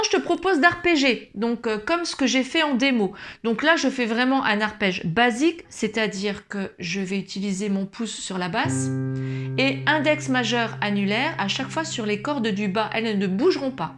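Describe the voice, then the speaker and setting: A woman giving a patient guitar lesson, explaining chords slowly and singing short examples. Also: on the high side, expressive. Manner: patient, explains slowly, sings along softly. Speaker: guitar teacher. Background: acoustic guitar playing.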